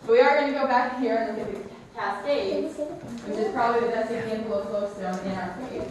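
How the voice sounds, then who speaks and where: A woman's voice: on the high side, fairly quick, a little mellow. A woman working as a cave guide, giving a casual, explanatory tour talk to a group inside a cave. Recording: very echoey cave, distant mic, faint noise.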